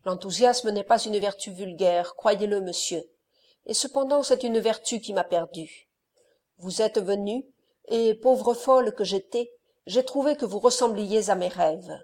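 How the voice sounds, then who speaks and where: A woman reading the part of a young wronged countess in an audiobook, with a firm, measured voice. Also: medium pitch, a little mellow, lightly acted. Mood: reproachful.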